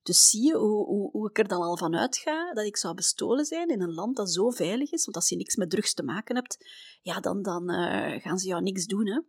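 A woman's voice: medium pitch, expressive, moderate pace, slightly rough, no room sound, studio quality. Chatty Flemish woman telling travel stories. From Belgium. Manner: chatty, tags sentences with "hè", often drops to a soft near-whisper. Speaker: podcast host. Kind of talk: personal travel storytelling.

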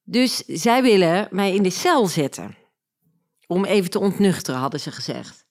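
A woman with a Flemish accent, hosting a podcast and telling a personal story in an animated, sarcastic way. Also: fairly low pitch, moderate pace. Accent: Flemish Belgian. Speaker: podcast host. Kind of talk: casual storytelling.

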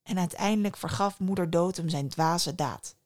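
A woman hosting a podcast, narrating a fairy tale in a calm, intimate storytelling manner with soft asides. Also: lowish voice, normal speed.

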